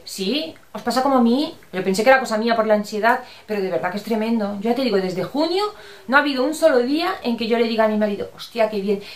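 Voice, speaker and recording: A chatty, affectionate middle-aged woman from Spain, casually answering her viewers, with a Spanish accent that slips into Andalusian at times. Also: a little high. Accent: Spanish from Spain, with Andalusian touches. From Barcelona, Spain. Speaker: vlogger answering viewer comments. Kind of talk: casual chat. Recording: roomy echo.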